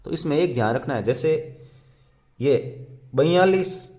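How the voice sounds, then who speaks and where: A man's voice: on the high side, animated, a little slow, a little mellow. A man teaching a primary school math lesson, counting aloud and repeating each step.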